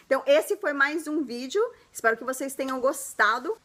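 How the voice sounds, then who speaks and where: A woman hosting a casual video lesson, chatty and encouraging, often tagging her sentences with a quick question. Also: high voice, fairly bright tone. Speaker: English teacher and channel host.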